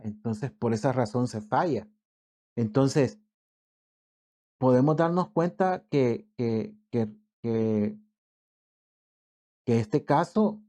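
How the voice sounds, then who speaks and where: A male pastor with a Salvadoran accent giving a conversational sermon, acting out short everyday scenes in quick voices. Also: medium pitch, mellow. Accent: Salvadoran Spanish. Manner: conversational preaching, acts out little scenes in quick put-on voices.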